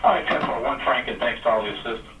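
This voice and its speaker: A man's voice: mid-range voice, rapid-fire, a little hiss or hum. A man working as a police dispatcher, heard over a police radio transmission, answering units in clipped, terse radio codes. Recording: muffled, distant, echoey radio audio.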